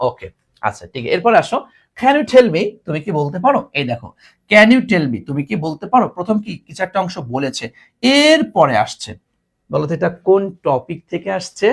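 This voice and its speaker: Brief: young male tutor, high bright voice, very animated delivery, live exam-prep class, keeps checking in with students. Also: normal speed, creaky. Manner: animated, coaxing students with repeated questions; mixes English phrases into his explanation. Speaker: English teacher. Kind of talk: live online admission-prep lesson.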